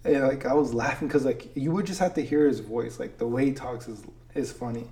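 A man's voice: medium pitch, a little fast, warm tone. A young man hosting a podcast, casually telling family stories and dropping "dude" and "like" all the time. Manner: laid-back, peppers speech with "dude" and "like". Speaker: podcast host. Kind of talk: casual storytelling chat.

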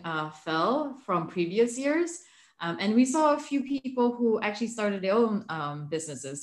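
A woman in her thirties from Malaysia, a book author answering interview questions in a thoughtful, measured way with frequent fillers. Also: on the low side, echoey room. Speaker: guest, author. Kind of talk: remote interview.

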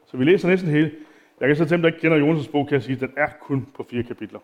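A man's voice: on the high side, dull audio. A man giving an informal, chatty church sermon with self-deprecating asides, many fillers and restarts, and reading aloud from the Bible. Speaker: preacher.

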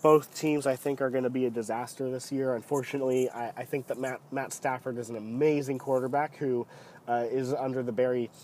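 A man's voice: fairly even intonation, a little fast, darkish tone, slight background noise. Man with a cold, casual football talk. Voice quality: deep voice from a head cold. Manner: hesitant, rambling, opinionated. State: sick with a cold. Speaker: sports podcast host. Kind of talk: casual solo NFL commentary.

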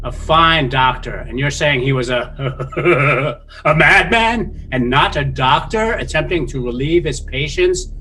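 An actor playing a composed, skeptical asylum doctor questioning a patient in a measured, condescending way, in an audio drama. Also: male voice, on the high side, sharp tone, slight background noise, poor audio. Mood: accusing.

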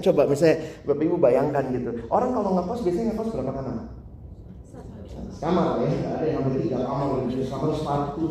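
A male preacher delivers a sermon with a lively, swooping pitch, often tossing questions to his listeners. His voice sits a little high and booms through a very echoey church hall. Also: slight background noise. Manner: animated, storytelling, asks the audience questions.

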